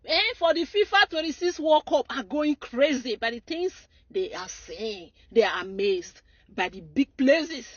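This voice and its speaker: Woman, high bright emphatic commentary, dry close muffled sound. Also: measured pace, husky, no echo. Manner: emphatic, excitable. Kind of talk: commentary to camera.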